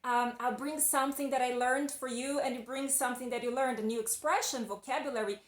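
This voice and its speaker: A Brazilian woman whose first language is Portuguese teaches English in a casual video lesson, speaking with a Brazilian accent. Her high voice is steady and fairly quick with a roomy sound, and her chatty, encouraging manner includes frequent restarts of phrases.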